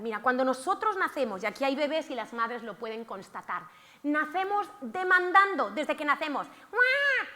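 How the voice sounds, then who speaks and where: A woman preacher giving a theatrical sermon in a church, acting out cries from the scripture. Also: on the high side. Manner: theatrical, shouts out acted cries of the lepers. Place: church hall. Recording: long hall reverb.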